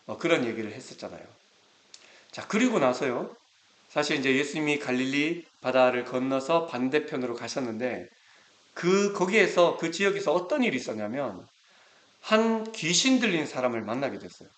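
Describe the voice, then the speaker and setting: A man's voice: mid-range voice, big pitch swings, moderate pace, fairly bright tone, roomy sound. A male pastor giving a Sunday sermon, retelling a Bible story in a casual, conversational way. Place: church sanctuary.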